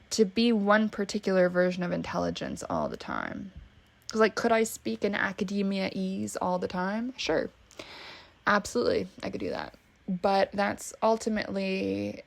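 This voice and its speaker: A woman's voice: mid-range voice, vocal fry, darkish tone. A woman with a Valley Girl accent, hosting a solo podcast in a casual, emphatic way, swearing freely and saying "like" a lot. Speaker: podcast host.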